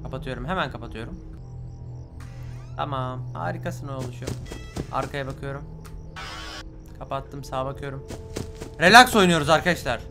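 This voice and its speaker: A young man commenting on a horror game as he plays, swearing often, muttering quietly in tense moments and shouting when startled. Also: mid-range voice, normal speed, pauses often. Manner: swears a lot, hushed when tense, bursts loud. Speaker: gaming YouTuber. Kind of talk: let's play commentary. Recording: music behind voice.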